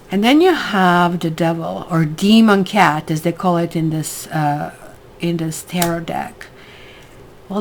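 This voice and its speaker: A Croatian woman with a Croatian accent gives a rambling, casual tarot reading, full of fillers and tag questions. Her voice is fairly low, with slight background noise.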